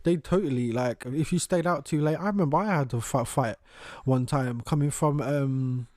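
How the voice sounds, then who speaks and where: Male co-host, mellow tone, animated anecdotal delivery, dry close mic. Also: mid-range voice, moderate pace, no room sound. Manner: animated storytelling, swears freely, laughs often. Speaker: podcast co-host. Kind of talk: casual uncensored chat.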